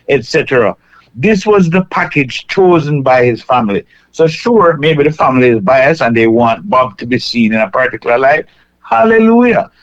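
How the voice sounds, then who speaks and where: A Jamaican man calling in to a radio show, speaking earnestly and in a measured way. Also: mid-range voice, no echo. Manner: earnest, measured, thinks aloud with restarts. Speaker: caller. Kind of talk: phoned-in call to a radio show. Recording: dull phone line.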